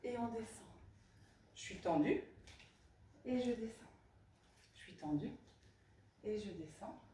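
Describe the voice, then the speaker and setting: A woman's voice: mid-range voice, expressive, mellow. Echoey distant woman coaching pilates. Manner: brisk counting and breathing cues. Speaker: pilates instructor. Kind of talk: guiding a live fitness class. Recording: echoey room, voice from far off.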